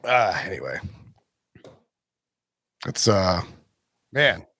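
A man's voice: low-pitched, big pitch swings, very slow, bright, forceful tone, husky, no room sound. A man in his forties hosting a casual sports podcast, joking and teasing his co-host. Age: 40s.

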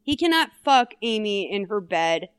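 A young adult woman hosting a podcast, recapping a film in a lively, chatty way and briefly voicing the people she describes. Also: medium pitch, clear, resonant tone. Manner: animated storytelling, quick character voices for the people she quotes. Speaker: podcast host. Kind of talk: casual comedic movie recap chat.

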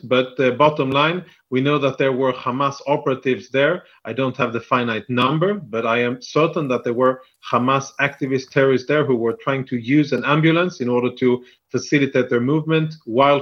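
A man speaking as a military spokesman in a live news interview, firm, deliberate and defensive, over a band-limited remote link. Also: mid-range voice, lo-fi sound.

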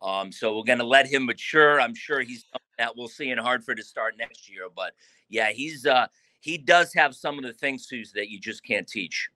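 A man talks through an interview in a loose, rambling manner, circling back and restarting his sentences. His voice is very bright and forward, and the sound is dry and close. He speaks as a baseball manager discussing his players. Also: medium pitch, moderate pace, no echo. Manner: relaxed, rambling, with frequent restarts and fillers. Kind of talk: interview answers.

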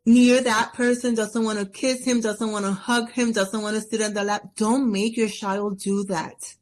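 A woman's voice: fairly high pitch, flat delivery, moderate pace. A woman guest on a podcast, speaking earnestly and urgently in casual interview talk, often repeating her key points.

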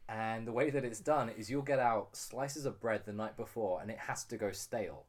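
British male co-host, lowish voice, chatty rambling explainer who laughs a lot. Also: normal speed. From United Kingdom. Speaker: podcast co-host. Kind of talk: casual chat.

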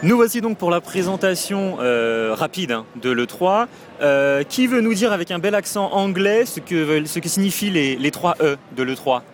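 A man's voice: high-pitched, lively intonation, moderate pace, over music. A man hosting a live podcast episode from a trade show, chatty and friendly, with frequent fillers. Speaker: podcast host. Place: video game trade show.

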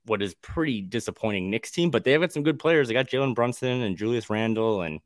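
A man co-hosting a sports podcast in casual chat, talking quickly and wryly, with many restarts. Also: medium pitch, animated, dry recording, clean studio sound.

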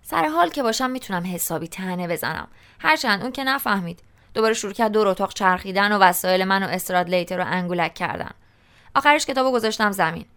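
An audiobook narrator reads a first-person novel aloud in a relaxed, colloquial way, as if telling the story to a friend. Her voice is smooth and clear, with a pitch that is neither high nor low.

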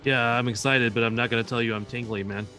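A man co-hosting a casual sports podcast with a dry, laid-back manner. His pitch is middling, and faint music sits under his voice. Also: fairly even intonation, fast talker, bright, forceful tone. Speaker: podcast co-host.

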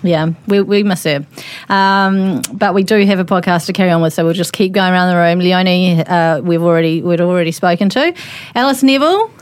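A woman's voice: fairly low pitch, fairly quick, clean tone, no echo. A woman with a New Zealand accent casually hosting a studio panel podcast in an informal, jokey way. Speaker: podcast host and manager.

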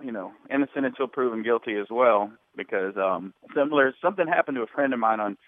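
A man calling in to a radio show, telling a story in a relaxed, rambling way over the phone line. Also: mid-range voice, fast talker, no echo. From Louisiana. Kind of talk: casual call-in chat.

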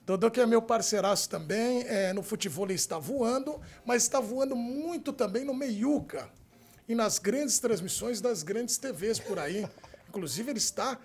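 Brazilian male host, high-pitched voice, effusive and jokey, casual banter. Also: normal speed, breathy edge. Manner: effusive, joking. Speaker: programme host. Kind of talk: casual chat.

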